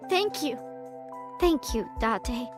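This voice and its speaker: A woman's voice: fairly high pitch, animated, takes it slowly, over music. A woman voicing a grieving young girl who pleads earnestly in a game. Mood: grateful.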